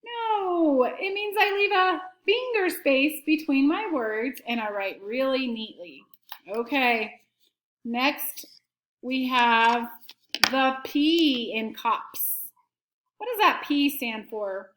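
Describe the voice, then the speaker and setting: A woman teacher giving an early-grade writing lesson and slow dictation to students at home, prompting them patiently. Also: sits high, animated, a bit bright, roomy sound.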